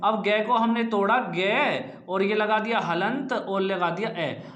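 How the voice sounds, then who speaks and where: A man's voice: sits high, measured pace, fairly bright tone. A man teaching Hindi grammar at a whiteboard for an exam coaching class, asking the class questions and answering them himself. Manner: repeats questions to the class and drags out sounds. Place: small coaching room with a board. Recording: echoey room.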